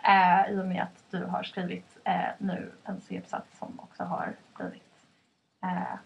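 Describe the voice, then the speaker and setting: With a fairly low, creaky, monotone voice, this young woman from Stockholm co-hosts a casual podcast, asking most of the questions and peppering her speech with fillers such as "liksom" and "så här". The sound is dull lo-fi with a little background noise.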